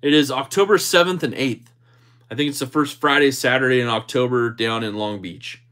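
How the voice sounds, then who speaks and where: A man's voice: mid-range voice, normal speed, a bit bright. A man hosting a livestream, casually reading and answering viewer comments in a jokey, easygoing way. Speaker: livestream host.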